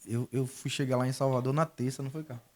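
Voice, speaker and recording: A man's voice: mid-range voice, steady tone, quick pace. A middle-aged man, a guest telling an emotional faith testimony and acting out the dialogue in his story.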